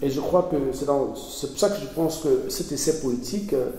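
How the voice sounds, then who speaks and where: A Belgian man is interviewed as an essayist, speaking earnestly and hesitantly and often restarting his phrases. His mid-range voice is expressive and dark-toned at a moderate pace, recorded from far off in an echoey hall.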